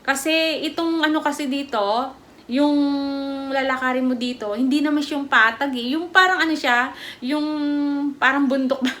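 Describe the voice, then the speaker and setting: High, bright-voiced woman in chatty testimony. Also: normal speed. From Philippines. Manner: chatty, rambling, full of fillers and restarts. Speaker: vlogger giving a product testimony. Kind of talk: casual personal testimony.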